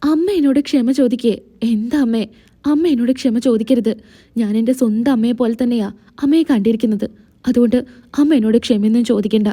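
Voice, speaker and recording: A woman voicing a gentle young daughter-in-law who speaks in a soft, reassuring way. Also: a little high, brisk, close to an everyday voice.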